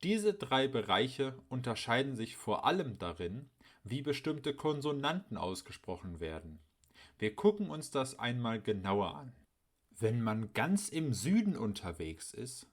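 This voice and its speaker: A man narrating a scripted educational voice-over, explaining clearly and speaking directly to his viewers. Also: fairly low pitch. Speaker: channel host explaining dialects.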